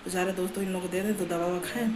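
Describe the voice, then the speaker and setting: A woman's voice: lowish voice, steady tone, rapid-fire, crowd noise. A middle-aged woman chatting casually in a home vlog, rambling with many fillers, recorded indoors on a phone. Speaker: family vlogger.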